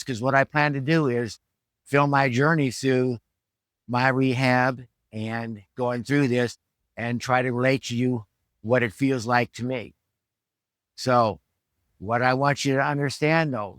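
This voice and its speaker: At home, a man in his seventies, a fitness trainer and rehab vlogger, gives a plain-spoken, explanatory vlog talk in an informal instructional style. His mid-range voice has a fairly bright tone, with no echo.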